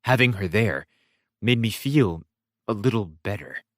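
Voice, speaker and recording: A man narrating a novel in the first person, wry and expressive. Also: fairly low pitch, a little slow, no echo, studio quality. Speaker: audiobook reader.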